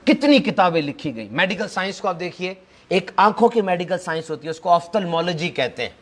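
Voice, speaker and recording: High-voiced man giving a motivational lecture. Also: sing-song. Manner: rhetorical, quick lists and questions, mixes in English phrases. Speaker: motivational speaker. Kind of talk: motivational lecture to a live audience.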